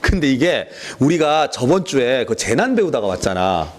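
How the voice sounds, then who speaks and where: A man's voice: medium pitch, moderate pace. A man lecturing on fire law for exam prep, teasing and acting out student questions, and checking often that the class follows. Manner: animated, teasing, acts out student back-and-forth, keeps checking with listeners.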